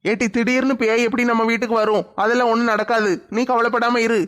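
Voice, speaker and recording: A man's voice: very high-pitched, little pitch movement, quick pace, fairly bright tone. A man playing an exasperated husband who grumbles dismissively in a comedy skit.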